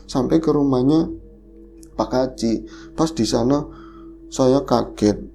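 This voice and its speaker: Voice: medium pitch, slow, vocal fry, dark tone, faint music behind. A podcast host animatedly retelling a horror story in casual chat, the voice leaping up at the scary moments.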